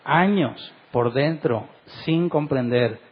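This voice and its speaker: A man's voice: mid-range voice, slow, breathy edge, muffled recording. A middle-aged man, a pastor, preaching earnestly in a Bible study and asking his listeners rhetorical questions.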